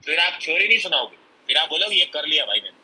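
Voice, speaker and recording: A man's voice: a little high, very animated, quick pace, pushed and bright, breathy edge, low-quality recording. A man giving a blunt, emphatic motivational talk at a business seminar. He mixes in English phrases and acts out people's excuses as he goes.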